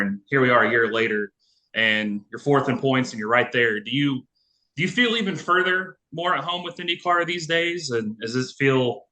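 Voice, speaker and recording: Bright-voiced reporter man asking questions. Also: mid-range voice, low-quality recording. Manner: rambling, conversational questions. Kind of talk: press conference question. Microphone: video call.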